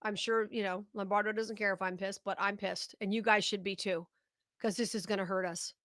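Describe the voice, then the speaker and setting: A woman's voice: medium pitch, steady tone, a little fast, fairly bright tone, no room sound, studio quality. A middle-aged woman hosting a live political commentary show, talking straight to her viewers with indignant, sarcastic outrage.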